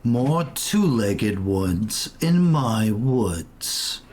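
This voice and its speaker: A man voicing a grumbling woodland creature like a talking tree, deep, slow and drawn-out in a tabletop game. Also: big pitch swings, a little mellow, exaggerated voice. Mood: weary, unwelcoming.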